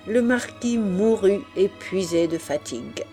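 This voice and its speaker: A woman narrating a classic novel in a measured, steady reading. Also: medium pitch, soft background music.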